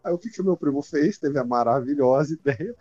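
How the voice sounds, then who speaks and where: Podcast co-host, Brazilian man in his thirties, dark mellow voice, slangy storytelling, slightly muffled sound. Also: fairly high pitch, lively intonation, a little fast. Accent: Brazilian Portuguese. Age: 30s. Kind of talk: casual chat.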